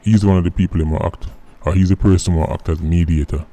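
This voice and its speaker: A Jamaican man hosts a vlog, giving emphatic explanatory commentary in Patois-mixed English and often checking in with "right". His voice is low, steady, fast, and warm, with music under it.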